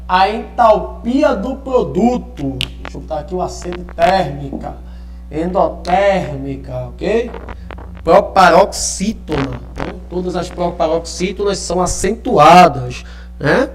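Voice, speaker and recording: A male teacher gives a live online class from home, checking in often with the students. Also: sits high. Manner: checks in often with tag questions. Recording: echoey room with faint music.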